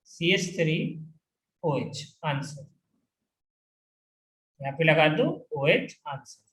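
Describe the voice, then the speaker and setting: A man teaches a chemistry class in a high-pitched, bright, forceful voice, repeatedly firing questions and drilling his students on the answers. The classroom lecture is recorded in an echoey room.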